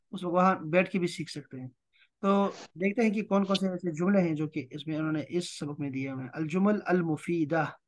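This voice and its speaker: High-voiced man teaching a language lesson. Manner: explains step by step, repeats words slowly. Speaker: Arabic teacher.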